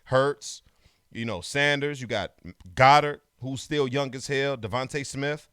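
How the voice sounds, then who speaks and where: A man's voice: mid-range voice, measured pace, fairly bright tone, smooth, no room sound. Emphatic man listing players, dry sound. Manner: rattles off lists of players, emphatic. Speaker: podcast co-host. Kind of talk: casual sports chat.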